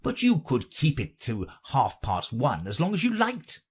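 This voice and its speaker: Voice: medium pitch, wildly swooping pitch, unhurried, breathy edge, voice pushed up, full character voice. A reader voicing an eccentric, mournful and argumentative storybook man who explains himself in a theatrical, insistent manner. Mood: sly.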